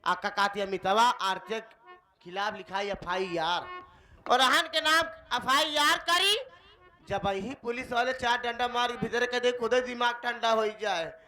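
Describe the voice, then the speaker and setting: Man voicing a worried elder sister, very high voice, bright sharp tone, pleading, folk stage play. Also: measured pace, heavily acted. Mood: urging. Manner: insistent, pleading. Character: anxious doting elder sister, middle-aged woman.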